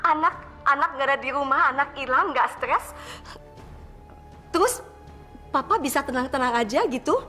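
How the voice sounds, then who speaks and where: A woman's voice: high voice, normal speed, long pauses, bright, forceful tone. A frantic rich mother. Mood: panicked. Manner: dramatic, mixes English exclamations into speech. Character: wealthy mother frantic over her missing daughter. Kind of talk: TV drama acting. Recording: faint music underneath.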